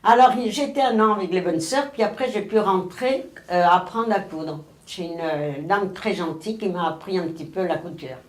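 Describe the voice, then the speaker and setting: A woman's voice: on the low side, normal speed, hardly any pauses. A woman in her nineties from Spain, recalling her past in an interview, rambling with many restarts and self-corrections. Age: 90s. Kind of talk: oral history recollection. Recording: roomy, echoey room.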